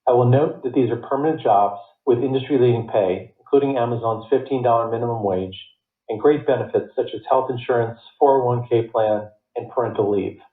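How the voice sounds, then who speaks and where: A man with a medium-pitched voice speaks as a company finance executive, reading a scripted earnings report in a formal, measured way. He's on a conference call line, and the recording sounds tinny like a phone with a roomy echo.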